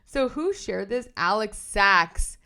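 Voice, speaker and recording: A young adult woman hosting a casual commentary vlog, chatty and animated as she reads messages aloud and reacts to them. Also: medium pitch, slow. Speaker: pop culture commentary host.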